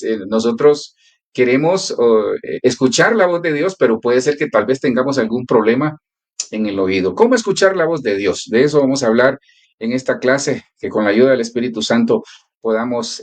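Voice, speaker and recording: A male pastor who prays and then teaches a church class, telling stories in a prayerful, earnest way. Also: mid-range voice.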